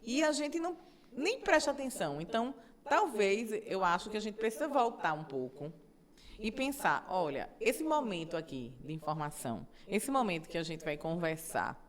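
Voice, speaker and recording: A middle-aged woman judge, a guest in a conversational interview, explaining in an animated way and often checking in with tag questions. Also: mid-range voice, normal speed.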